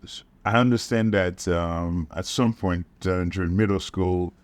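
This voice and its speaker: A man's voice: low-pitched, measured pace, dry recording. A man hosting a medical school podcast, introducing his guest formally and asking questions. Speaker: podcast host. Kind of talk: podcast interview.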